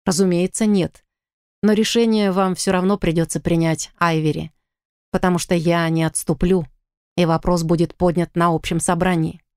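A woman voicing a calm, composed male lycan, the elder brother, in an audiobook. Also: sits high, clean tone, no room sound, clean studio sound. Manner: calm, measured.

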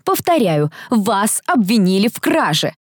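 A woman's voice: mid-range voice, sing-song, quick pace, no echo, studio quality. A woman voicing a strict, severe middle-aged female dormitory warden in an audiobook. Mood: stern. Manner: commanding, severe. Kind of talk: audiobook character voice.

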